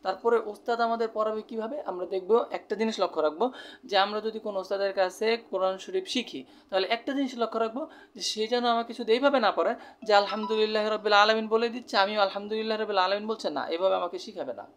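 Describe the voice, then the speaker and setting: A man's voice: high-pitched, fast talker, a little hiss or hum. A man from Bangladesh teaching Quran recitation rules in an explanatory, repetitive way, with many fillers. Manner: explanatory, repeats terms, frequent fillers. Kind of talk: spoken Quran recitation lesson.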